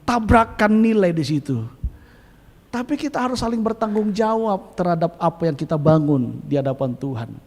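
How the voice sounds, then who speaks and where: A male pastor delivers a sermon in a high voice and keeps it lively. He tosses questions to the congregation and calls for amens. His voice carries a long reverb from a large church hall. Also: moderate pace.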